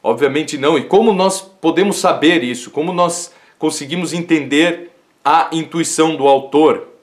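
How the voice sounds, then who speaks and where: A man teaching classical literature in a livestream lecture, talking in an unhurried way with frequent fillers and "isn't it?" tags. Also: a little high.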